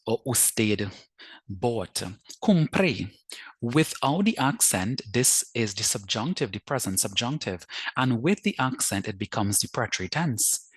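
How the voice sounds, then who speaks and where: A man's voice: medium pitch, no echo. A man teaching a recorded language lesson over slides, patiently explaining and repeating points and often checking with "right?". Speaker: Spanish teacher.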